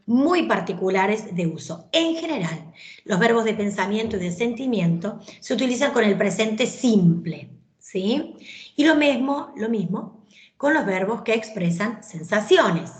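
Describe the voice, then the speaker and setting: A woman, teaching an English grammar class and explaining patiently, often checking that students follow. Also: medium pitch. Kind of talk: online class lecture. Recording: roomy echoey recording.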